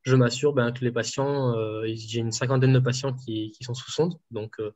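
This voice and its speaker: Man, dietitian interviewee, halting delivery, dull lo-fi call sound. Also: medium pitch, fairly even intonation, darkish tone. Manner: hesitant, many fillers and restarts. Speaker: home enteral nutrition dietitian. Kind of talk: casual interview answers.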